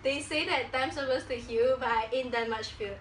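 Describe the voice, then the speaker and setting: A young woman chats to camera in a giggly, casual way between prank phone calls, set in a small living room. She has a high-pitched voice at normal speed. The distant camera microphone, a few steps away, gives a roomy, noisy sound.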